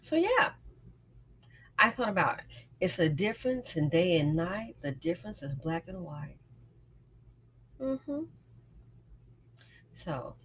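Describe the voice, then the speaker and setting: A woman's voice: sits low, a bit bright, a little hiss or hum, poor audio. A woman giving a casual, opinionated monologue as an online host, emphatic and often repeating phrases to drive a point home. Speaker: YouTube host and small business owner.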